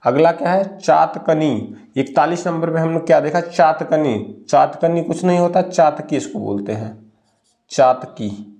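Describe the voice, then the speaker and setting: A young male teacher with a fairly high voice leads a spelling drill. He asks a question and then answers it himself. He stretches key words out slowly. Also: warm tone. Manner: drags out words slowly when stressing them. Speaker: Hindi teacher. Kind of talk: classroom spelling lesson.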